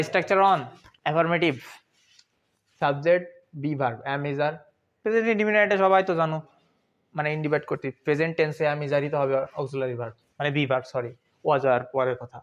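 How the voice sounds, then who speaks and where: A man's voice: on the high side, a little slow, long pauses, lo-fi sound. A young man teaching an online grammar lesson in a chatty, informal way, asking questions and answering them himself.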